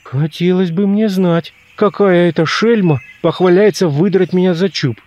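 A man reading aloud and voicing a hot-tempered young village lad who speaks in a drawn-out, jeering way. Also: sits high, a little mellow, dull audio, pitched above the performer's own voice, natural voice. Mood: mocking angry.

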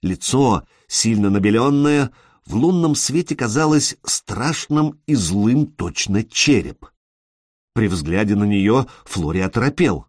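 A man narrating a literary audiobook, measured and expressive with dramatic pauses. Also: fairly low pitch, no room sound, clean studio sound.

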